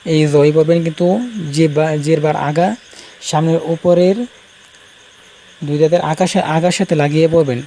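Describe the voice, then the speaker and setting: Male teacher, slightly high voice, slow repetitive drilling, faint crickets and ambient noise behind. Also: flat delivery, dark tone, low-quality recording. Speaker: Quran recitation teacher. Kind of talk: informal spoken lesson.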